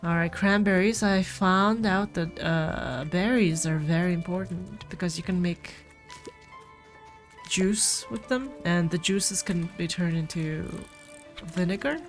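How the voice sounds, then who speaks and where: Talking at a measured pace in a lowish voice, this streamer has a cold and chats loosely with her audience over a farming game. Quiet game music can be heard behind her commentary.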